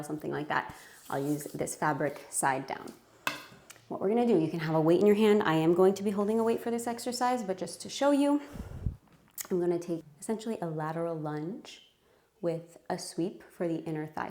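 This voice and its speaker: Out of breath, a woman counts reps and cheers listeners on while leading a guided workout in a home room as a fitness instructor. Her lowish, darkish voice echoes in the reverberant space.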